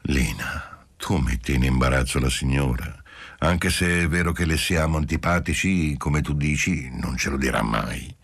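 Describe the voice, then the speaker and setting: A man voicing a very deep, husky middle-aged husband who talks with flat indifference. He is a figure in a novel read aloud. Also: moderate pace, dry recording, full character voice. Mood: indifferent.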